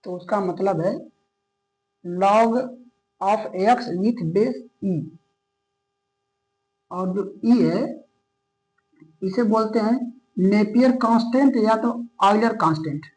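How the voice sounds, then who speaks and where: A man's voice: high-pitched, slow, pauses often, a little mellow, rough recording. Patient man teaching maths, always checking in. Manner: patient, checks in constantly with "okay?"; mixes English maths terms into the talk. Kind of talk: classroom lecture.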